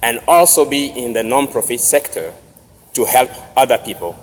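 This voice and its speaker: A man from Togo with a Togolese accent gives a formal commencement speech with personal storytelling, speaking deliberately in short, separated phrases. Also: mid-range voice, animated. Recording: noisy, reverberant large hall ambience.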